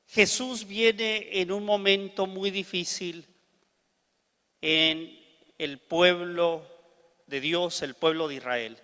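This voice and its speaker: High-voiced preacher in echoing hall. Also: male voice. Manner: animated storyteller acting out dialogue. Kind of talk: storytelling sermon.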